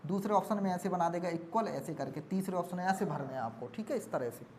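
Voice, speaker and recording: A woman's voice: fairly low pitch, animated, fast talker, darkish tone, slight background noise. A woman teaching exam reasoning on a board, repeating each step and often asking if it is understood. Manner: repeats steps, checks understanding with questions. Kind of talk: explaining on a board.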